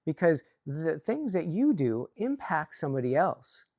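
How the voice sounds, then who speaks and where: Lively earnest man coaching on leadership. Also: fairly high pitch, unhurried, no echo, studio quality. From Chicago. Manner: earnest, lively, self-reflective, with restarts. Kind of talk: talk to camera on workplace leadership.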